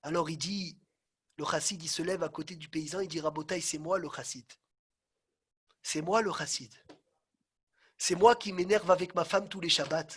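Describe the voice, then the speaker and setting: A man, a rabbi telling a story in a Torah class, swinging from loud exclamations to hushed tones. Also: on the high side, slightly rough.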